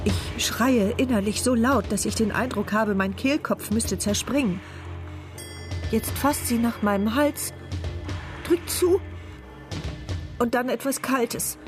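An actress narrating as a frightened young woman in a wheelchair who cannot speak, in a tense inner monologue for a German radio play. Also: a little high. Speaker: first-person narrator and heroine.

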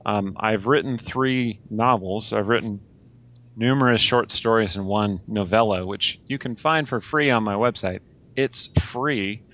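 A novelist guest chats about his books in an easygoing, self-mocking way. He is a man with a fairly low voice, full of ums and small laughs. His sound is dull and lo-fi. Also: unhurried, a bit bright. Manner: chatty, self-deprecating, lots of ums. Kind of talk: casual podcast chat.

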